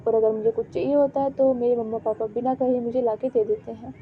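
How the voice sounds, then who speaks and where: A woman's voice: a little high, steady tone, brisk, narrow, tinny audio, a little hiss or hum, close to an everyday voice. A woman voicing a spoiled, bossy teenage college girl who scolds her friend, in a storybook reading.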